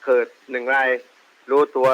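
A man's voice: moderate pace, fairly bright tone, lo-fi sound, a little hiss or hum. A man giving a formal incident report to his station over a police two-way radio. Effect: police two-way radio transmission.

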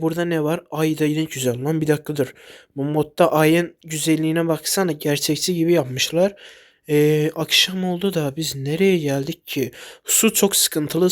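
A man giving casual gameplay commentary while sick, excitable and quick to blurt out short exclamations. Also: a little high. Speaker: gaming YouTuber.

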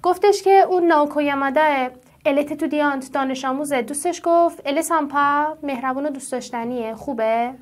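A woman teaching French who draws out each French word slowly and asks her students questions. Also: high-pitched, steady tone, slight background noise. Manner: slow, drawn-out pronunciation of French words; explains patiently and asks the class questions. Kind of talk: classroom-style language lesson.

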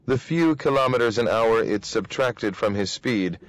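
A man reading a novel aloud in a steady, measured way. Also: mid-range voice, no room sound. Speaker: reader.

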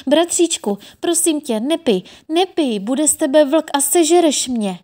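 A woman's voice: high-pitched, expressive, dark tone, voice pushed up. A woman voicing a frightened young girl who pleads urgently with her brother in a storybook. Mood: pleading, alarmed.

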